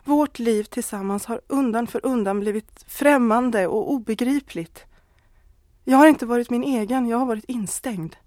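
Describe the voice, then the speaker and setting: A woman's voice: a little high, darkish tone, no room sound, close to an everyday voice. Woman reading a torn wife confessing. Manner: earnest, pleading, close to tears.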